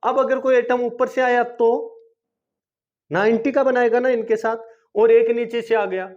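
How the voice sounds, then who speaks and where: Male teacher with a very high voice, self-answering questions, dull lo-fi recording. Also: flat delivery, moderate pace, darkish tone. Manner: asks questions and answers them himself; repetitive, coaxing teaching. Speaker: chemistry teacher. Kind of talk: classroom-style video lesson. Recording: dull lo-fi video lesson recording.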